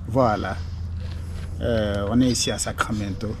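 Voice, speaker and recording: A man's voice: lowish voice, steady tone, unhurried, noisy background. A man interviewing a guest, speaking with frequent hesitations and fillers. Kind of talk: casual interview.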